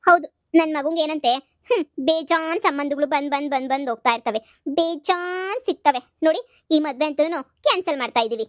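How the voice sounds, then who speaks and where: A woman's voice: sits high, moderate pace, no echo, clean studio sound, lightly acted. A woman voicing a blunt, dismissive middle-aged mother of the groom in a cartoon comedy. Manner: firm, dismissive.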